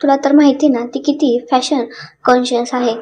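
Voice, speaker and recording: A woman's voice: high voice, steady tone, normal speed, a little mellow, close to an everyday voice. A woman voicing an easygoing, cheerful young man with a breezy, friendly manner.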